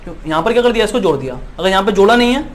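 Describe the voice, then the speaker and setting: A man's voice: high-pitched, big pitch swings, rapid-fire. A male biology teacher giving an exam-prep lecture, repeating points and constantly checking that students follow, insistent and reassuring. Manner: repetitive, keeps asking "है ना" to check students follow; reassuring and insistent, promises results.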